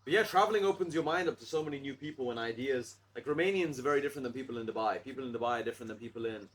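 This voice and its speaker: A man's voice: medium pitch, rapid-fire, slight background noise. A man speaking as a guest on a podcast, fluent and confident as he tells stories. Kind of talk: casual chat.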